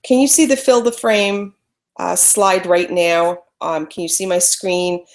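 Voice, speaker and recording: Loud yet steady, with a lowish voice and an unhurried pace, this presenter runs a relaxed photography webinar live. She talks through problems sharing her screen, using a computer microphone.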